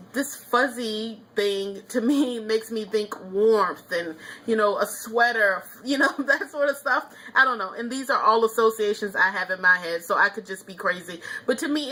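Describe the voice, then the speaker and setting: A woman's voice: on the high side, pushed and bright. A woman vlogger giving a casual, chatty nail polish review, opinionated, with frequent ums and small laughs.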